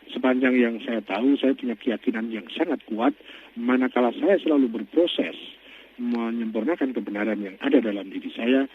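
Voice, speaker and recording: A man answering a caller on a radio talk show, speaking in a thoughtful, measured and self-deprecating way. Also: medium pitch. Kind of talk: reflective call-in radio talk. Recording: tinny phone-line audio with faint noise.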